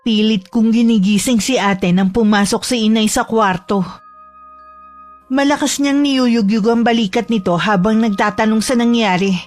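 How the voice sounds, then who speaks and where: A woman narrating a horror story in a steady, measured way. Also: on the high side, faint music behind.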